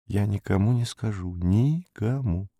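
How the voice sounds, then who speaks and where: Guy voicing a shy nervous clerk, mumbly and hushed, lowish voice. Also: moderate pace, creaky, dry recording. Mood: timid. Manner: quiet, mumbling, unsure. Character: timid, hesitant male office worker.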